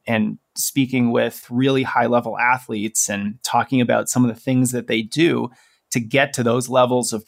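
A man in his late thirties hosts a podcast in a relaxed, joking tone, full of fillers. His middle-pitched voice is recorded dry and close. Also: dry recording. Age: 30s. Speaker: podcast host. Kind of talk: casual podcast chat.

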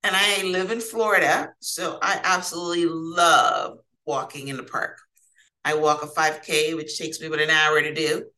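A woman's voice: low-pitched, steady tone, normal speed, pushed and bright, distant mic, low-quality recording. A woman hosting an informal solo self-help podcast, giving conversational advice as a coach and often checking in with the listener. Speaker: podcast host and life coach.

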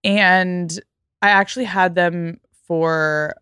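A woman's voice: lowish voice, steady tone, takes it slowly, sharp tone, clear, resonant tone, no echo, clean studio sound. A young woman hosting a podcast, talking casually and emphatically with lots of "like". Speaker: podcast host. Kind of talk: casual podcast chat and read ad.

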